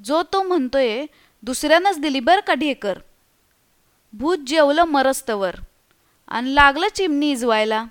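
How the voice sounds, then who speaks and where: A woman voicing a frightened village man who tells a ghost tale in hushed, stammering, earthy speech, as part of a storybook reading. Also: high voice, animated, measured pace, long pauses. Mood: spooked.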